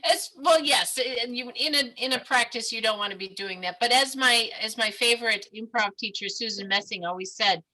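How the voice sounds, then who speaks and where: A woman's voice: a little high, normal speed, few pauses, pushed and bright, poor audio. A woman leading an improv workshop over a video call. She is encouraging and upbeat, and she laughs often. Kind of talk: leading a group exercise.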